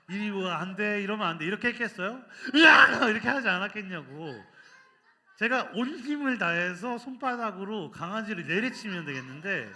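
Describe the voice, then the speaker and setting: A man preaching to children in a lively storytelling style. His voice sits a little high and swings widely in pitch. The tone is very bright and forceful, and he keeps the kids involved by asking them questions. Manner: animated, quizzes the children with questions.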